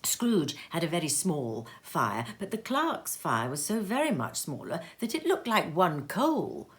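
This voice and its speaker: Her pitch sits fairly low as she reads a classic tale aloud in her sitting room at home. She goes slowly, full of expression, now and then falling to a whisper.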